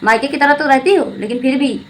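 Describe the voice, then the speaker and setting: A woman's voice: sits high, a little fast, low-quality recording. Scolding woman. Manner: scolding, preachy, repeats phrases, addresses viewers as friends. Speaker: vlogger commenting on a family channel. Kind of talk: casual spoken commentary to viewers.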